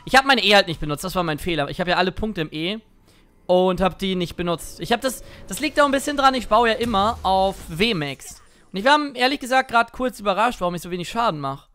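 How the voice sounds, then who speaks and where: Bright high-voiced gamer commentating. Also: male voice, brisk, clean tone. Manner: excitable, playful, jumps to shouts. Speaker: gaming streamer. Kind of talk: let's play commentary. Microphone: headset or desk mic.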